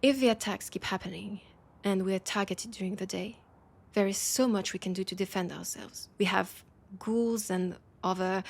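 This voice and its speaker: In an intimate audio roleplay, a woman with a French accent voices a proud but worried vampire belonging to a supernatural council. She speaks earnestly and haltingly in a gravelly, mid-range voice.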